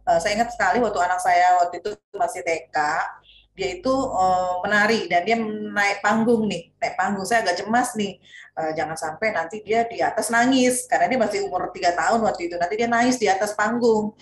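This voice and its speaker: A woman's voice: medium pitch, brisk, a little hiss or hum. A middle-aged woman speaking on a panel as a parent, telling stories animatedly with many fillers. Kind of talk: casual panel discussion. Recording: echoey room, faint ambience.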